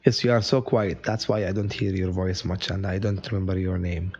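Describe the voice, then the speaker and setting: A man's voice: deep voice, little pitch movement, fairly quick, darkish tone, lo-fi sound. A male teacher running a live online revision session, chatty and joking, greeting viewers by name and mixing in Arabic phrases.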